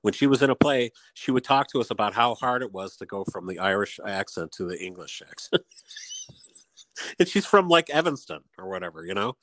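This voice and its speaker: A man's voice: lowish voice, lively intonation, a little fast, fairly bright tone, dry recording. A man in casual chat, telling stories and laughing often. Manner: chatty storyteller, laughs often.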